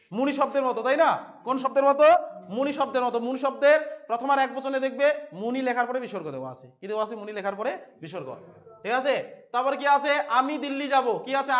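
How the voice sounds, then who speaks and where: A man's voice: extremely high pitch, fairly bright tone. A male teacher with a Bengali accent, leading a classroom lesson and constantly asking and repeating questions to his students.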